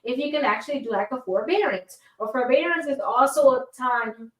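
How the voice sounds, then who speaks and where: A woman's voice: high voice, a little fast. A woman teaching a personal finance course casually and directly to viewers, chatty with small stumbles, her speech slightly hampered by braces. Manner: chatty, informal direct address with stumbles and self-corrections. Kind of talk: casual instructional talk to viewers. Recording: roomy, echoey, far from mic.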